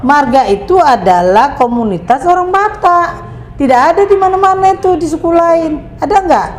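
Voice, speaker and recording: Emphatic middle-aged woman, fairly high voice. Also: expressive, moderate pace, a little hiss or hum. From Indonesia. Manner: emphatic, rhetorical questions. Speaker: interview guest. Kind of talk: conversational interview.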